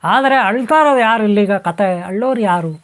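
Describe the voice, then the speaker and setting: A man's voice: high-pitched, expressive, quick pace, a bit bright. A man giving a spiritual talk to viewers, repeating phrases, running through lists and asking rhetorical questions. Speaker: spiritual teacher. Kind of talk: spoken talk on spiritual topics.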